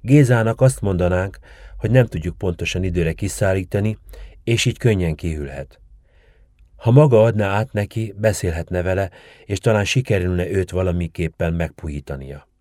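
Grave, pleading old village man, played by a male narrator, deep dark voice. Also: no echo, clean studio sound, close to an everyday voice. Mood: worried. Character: worried elderly village man, earnest.

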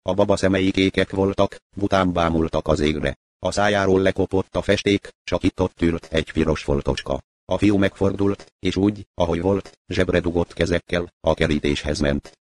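A man reading a literary short story aloud in a measured, even narrating voice. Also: low-pitched.

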